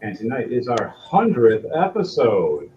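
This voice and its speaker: A man's voice: medium pitch, wildly swooping pitch, measured pace. Rambling man hosting a tabletop game. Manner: loose, rambling with fillers. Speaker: game master and head host. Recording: roomy, dull, faint hiss.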